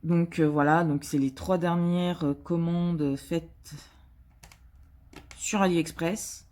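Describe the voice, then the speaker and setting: A woman's voice: lowish voice, fairly even intonation, slow pace, dark tone. A woman vlogger chatting casually while she works on a craft, hesitant, with many filler sounds and restarts, and joking at her own expense. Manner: chatty and self-mocking. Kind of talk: casual chat while diamond painting.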